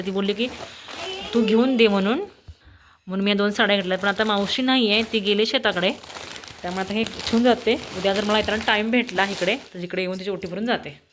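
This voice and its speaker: A woman from the films herself on a handheld phone while walking around a farmhouse outdoors. She keeps up a chatty vlog, talking to the camera and to her little son, at a middle pitch. Clear background noise runs under her voice all the way through. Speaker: vlogger. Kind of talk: casual family vlog narration. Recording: noisy outdoor phone recording.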